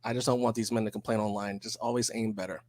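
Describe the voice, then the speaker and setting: A man's voice: on the low side, level tone, fast talker, darkish tone, no echo. A man giving firm, lecturing closing thoughts in a casual panel discussion on a video call.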